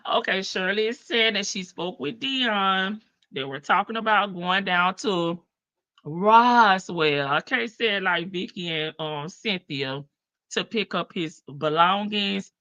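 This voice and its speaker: A woman's voice: medium pitch, takes it slowly, pushed and bright, no echo, muffled recording. A woman hosting a livestream with informal, teasing chatter and casual commentary. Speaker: livestream host.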